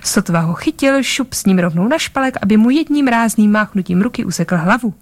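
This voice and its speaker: A woman reading a story aloud, narrating with lively delivery and small slips. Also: mid-range voice, no echo. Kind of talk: audiobook-style story reading.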